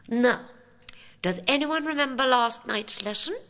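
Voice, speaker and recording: A woman's voice: fairly high pitch, measured pace, fairly bright tone, long reverb tail, pitched above the performer's own voice. A woman voicing a prim, strict female mushroom headmistress in a storybook. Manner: prim and proper.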